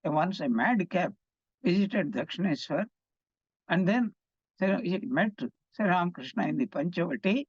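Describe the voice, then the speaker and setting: A man's voice: high voice, slightly rough, dry recording. A man, a monk, giving a conversational scripture class, telling stories and asking rhetorical questions. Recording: slightly dull, muffled sound.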